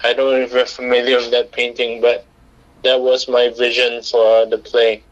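A man's voice: mid-range voice, monotone, moderate pace, lo-fi sound. A middle-aged man from Singapore, a director and writer, giving long, earnest answers with frequent restarts in a radio interview. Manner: earnest, talks at length with many restarts.

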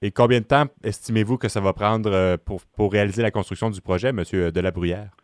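A man's voice: lowish voice, fairly even intonation, fairly quick, dry recording, studio quality. A man, working as an interviewer, introducing a topic and putting questions to a guest. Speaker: radio interviewer.

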